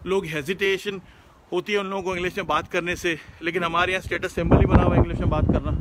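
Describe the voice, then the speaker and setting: The audio is very noisy as a man with a high, fairly even voice talks quickly. He hosts a casual live-stream Q&A with a Pakistani Urdu accent, answering viewers earnestly and informally while driving past shops outdoors and blending in English words.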